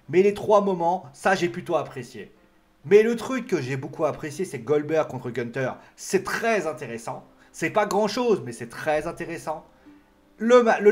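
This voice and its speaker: A man giving a casual, rambling solo review of a wrestling show, full of fillers and restarts. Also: a little high.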